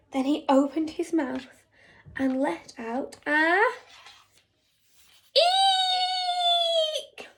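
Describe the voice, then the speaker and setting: A woman teacher reading a rhyming picture book aloud, with an animated, rhythmic delivery. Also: high-pitched.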